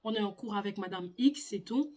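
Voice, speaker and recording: A young woman vlogger telling a personal story in a casual, animated way, sometimes stammering. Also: medium pitch, brisk.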